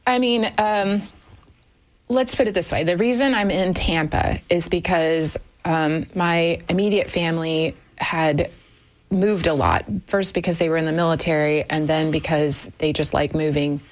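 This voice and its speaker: Candid woman with a low voice. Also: steady tone, a little slow. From Germany. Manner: thoughtful, candid, with frequent fillers. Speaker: guest. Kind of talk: conversational radio interview. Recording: radio studio.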